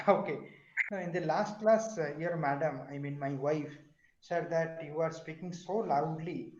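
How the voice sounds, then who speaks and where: Man, professor, online lecture, fillers, slightly high voice, echoey muffled call audio. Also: measured pace, a little mellow. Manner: questioning students, many fillers. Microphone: video call.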